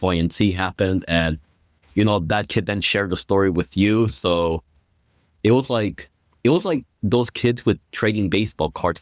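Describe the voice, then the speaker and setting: A man from Guatemala, a guest telling about his upbringing in a relaxed, rambling way with plenty of fillers. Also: low-pitched, no room sound, clean studio sound. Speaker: guest storyteller. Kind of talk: casual interview chat.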